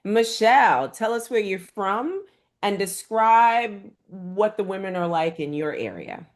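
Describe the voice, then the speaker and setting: A woman's voice: medium pitch, very animated, a little slow. A woman hosting a panel chat, encouraging the guests and affirming them as they speak. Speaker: panel host.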